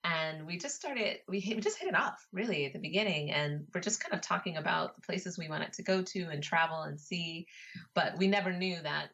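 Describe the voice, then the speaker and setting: Lower-voiced American woman, slightly muffled. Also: fairly quick, a bit bright. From Colorado, United States. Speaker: interview guest, travel and food blogger. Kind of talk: casual conversational storytelling. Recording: slightly dull internet call audio.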